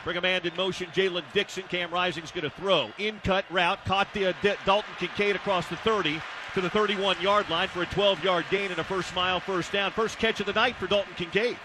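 A man calling a college football game play-by-play, with clipped calls that build into shouted touchdown calls. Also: sits high, fairly even intonation, fairly quick. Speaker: play-by-play announcer. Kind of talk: radio play-by-play commentary. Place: football stadium broadcast booth. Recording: loud stadium crowd and noise behind.

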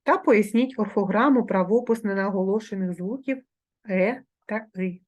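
A Ukrainian-accented woman teaches grammar to schoolchildren over a remote connection, carefully and slowly pronouncing sounds and sample words. Her voice is mid-range and slightly mellow.

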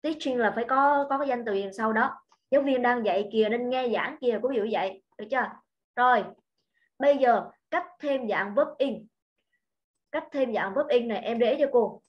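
A woman's voice: a little high, normal speed. Patient female English teacher, dull audio. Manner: patient, repeats points and checks understanding. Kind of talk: online English grammar lesson.

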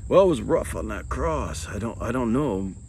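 A man's voice: lowish voice, expressive, normal speed, pitched above the performer's own voice, natural voice. A man voicing a humble thief who has just died and arrived in heaven, speaking plainly and with relief. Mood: relieved. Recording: music bed playing behind.

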